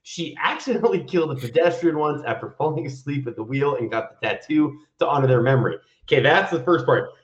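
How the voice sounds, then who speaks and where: A man's voice: a little high, animated, fast, few pauses, echoey room, highs cut off. A man hosting a show with casual, comedic frat-bro banter. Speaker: show host.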